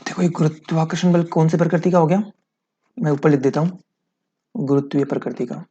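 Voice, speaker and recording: A man's voice: on the high side, steady tone, fairly quick, mellow, husky, highs cut off. A man teaching a physics lesson, explaining step by step, asking his students questions and repeating key points.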